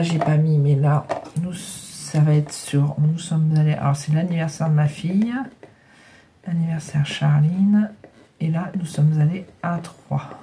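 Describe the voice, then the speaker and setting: A stuffy-nosed woman with a low, mellow voice breathes heavily through a cold, with slight background noise. She's a scrapbooking vlogger in her home craft room, chatting casually and ramblingly to viewers, hesitant and full of fillers and restarts.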